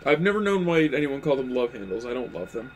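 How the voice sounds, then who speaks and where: A man's voice: medium pitch, very animated, fast, slight background noise. Sarcastic man backseat-gaming a stream. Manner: teasing, sarcastic backseat gamer. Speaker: game streamer, co-host. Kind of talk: casual let's play chat.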